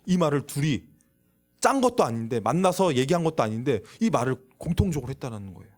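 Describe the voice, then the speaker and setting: A man's voice: mid-range voice, quick pace, soft background music. A man preaching a youth sermon in a church, asking the listeners questions and acting out voices. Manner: lively, acts out quoted voices, asks the audience questions. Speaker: youth pastor. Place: church sanctuary.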